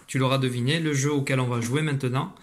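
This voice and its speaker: A primary school teacher with a mid-range, steady voice speaks quickly as he gives young children a reading lesson over video. He explains patiently and encourages them, recorded on a computer at his desk at home.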